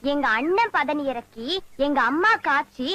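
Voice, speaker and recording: An actress playing a sharp-tongued teenage village girl who snaps back in a film comedy. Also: sits high, lively intonation, unhurried, no echo, heavily acted. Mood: retorting. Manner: retorting, indignant.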